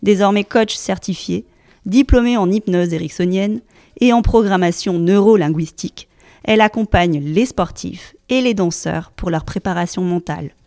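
A woman hosting a podcast, reading a lively scripted welcome over music, then asking her guest questions. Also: mid-range voice, moderate pace, no room sound, clean studio sound. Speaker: podcast host.

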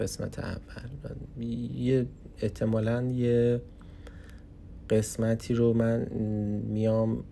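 A young man recording a personal podcast alone in a small office, talking unscripted, tired and hesitant with many pauses. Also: lowish voice, gravelly, mellow, slight background noise. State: tired from lack of sleep. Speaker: podcast host.

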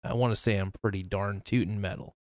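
Man, podcast host, lowish voice, dry sound, sarcastic, mock-boastful, rambling, hesitant fillers. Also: steady tone, fairly quick, darkish tone, no echo. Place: at a computer, screen-sharing.

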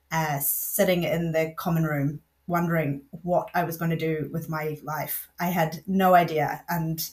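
A middle-aged woman with a Scottish accent, chatting easily and telling stories as a guest in a podcast interview. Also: on the low side. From north of Scotland. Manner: chatty, storytelling, laughs easily. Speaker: guest, events association general manager.

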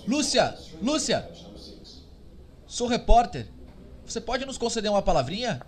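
Eager pushy reporter, Brazilian accent, high voice, very animated, comic audio series acting. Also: male voice, a little slow.

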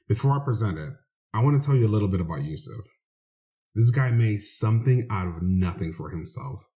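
A man's voice: fairly low pitch, dark tone. A man hosting a show, introducing a guest in an earnest, conversational way. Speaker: host. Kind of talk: casual spoken introduction. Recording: dull lo-fi recording.

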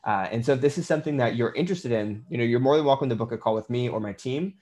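A man's voice: mid-range voice, rapid-fire, darkish tone. A man coaching personal trainers on their business in a blunt, conversational way, with the odd swear word. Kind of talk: casual instructional talk.

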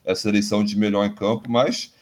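A man's voice: on the low side, level tone, fast, darkish tone. A Brazilian man hosting a casual sports podcast, rambling and swearing freely with lots of restarts. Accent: Brazilian Portuguese. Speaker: podcast host.

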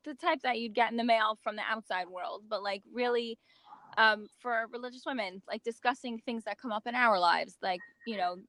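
A woman from the States, a magazine founder, talking casually as an interview guest and pausing often with fillers and restarts. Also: a little high, bright, forceful tone, no echo. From United States. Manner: hesitant, many fillers and restarts.

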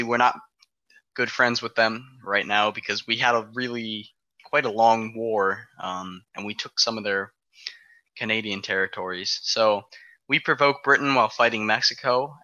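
Man presenter, very bright and forceful tone, dry close sound, laid-back explainer with ums. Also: fairly low pitch, no room sound, highs cut off. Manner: walks through dates step by step, frequent ums. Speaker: presenter of an alternate history timeline. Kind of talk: casual explanatory podcast talk.

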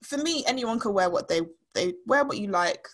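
A woman's voice: fairly high pitch, lively intonation, normal speed, a bit bright. A woman hosting casual chat, playful and chatty, telling stories and breaking off to rephrase. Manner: chatty, playful, self-interrupting storytelling. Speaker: host.

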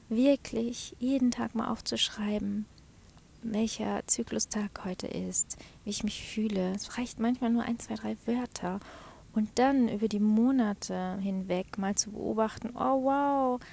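A woman talking personally and reflectively, often dropping to a soft half-whisper and laughing between thoughts. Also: fairly high pitch, gravelly. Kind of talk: personal talk about her cycle.

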